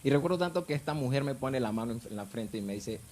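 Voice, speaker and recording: A man's voice: medium pitch, expressive, fast, darkish tone, slight background noise. Fervent man giving testimony. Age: adult, married with children. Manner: fervent, emotional storytelling. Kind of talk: personal faith testimony.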